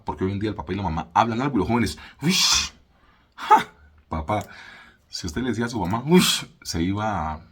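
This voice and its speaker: A Colombian man preaching a relaxed, conversational sermon to his congregation. His voice sits low and slightly husky, and he talks in everyday slang, now and then slowing right down to stress a point. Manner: laid-back, colloquial, mimics voices, slows for emphasis. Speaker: church leader. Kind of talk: casual sermon teaching.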